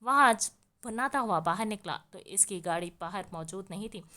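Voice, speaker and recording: A woman's voice: medium pitch, animated, moderate pace, bright, forceful tone. Woman narrating a romance novel. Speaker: audiobook narrator. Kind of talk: novel reading.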